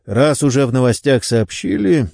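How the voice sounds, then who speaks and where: A man's voice: medium pitch, lively intonation, moderate pace, creaky, darkish tone, dry recording. A man voicing a weary middle-aged suspect who answers detectives in a dry, resigned way.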